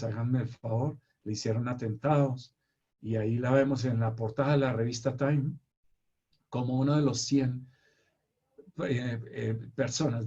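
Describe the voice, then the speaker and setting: Male motivational speaker from Colombia, dark husky voice, dull lo-fi sound. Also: mid-range voice. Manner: addresses the audience directly with hesitant fillers. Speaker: speaker in a talk series. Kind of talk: motivational lecture.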